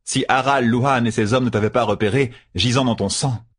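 A man reading an audiobook voices a composed, guarded noblewoman ruler who speaks in a measured way. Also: medium pitch, fairly bright tone, slightly rough, dry recording, studio quality, voice pushed up. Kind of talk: audiobook character voice.

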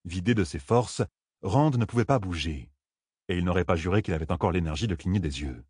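A man reading a fantasy audiobook aloud with measured, dramatic delivery. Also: low-pitched, expressive, darkish tone, slightly rough, no room sound, studio quality. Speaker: audiobook narrator.

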